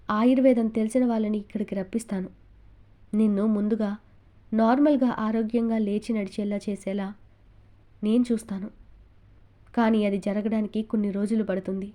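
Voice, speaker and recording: Woman reading as a soft, reassuring older uncle, dark mellow tone, a touch lower than her own. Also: natural voice. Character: older man, doting protective uncle.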